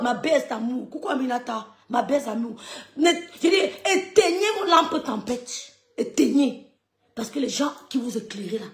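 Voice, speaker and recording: A woman's voice: sits high, echoey room. A woman, ranting on a live stream at online critics in a scornful, mocking way with repeated insults. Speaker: social media live streamer. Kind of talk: heated rant at online critics.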